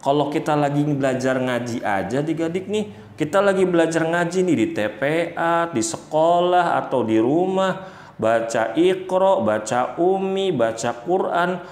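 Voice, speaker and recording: A man's voice: a little high, animated, normal speed, darkish tone. A man teaching young children about the Quran in a playful way, speaking to them directly and acting out examples. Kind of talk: children's religious lesson. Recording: roomy echo.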